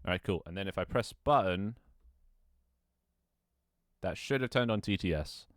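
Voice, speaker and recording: Chatting loosely on a gaming live stream, a young man talks to viewers and himself during setup, rambling with plenty of restarts and laughter. His deep voice is animated and moves at a moderate pace, recorded dry with clean studio sound.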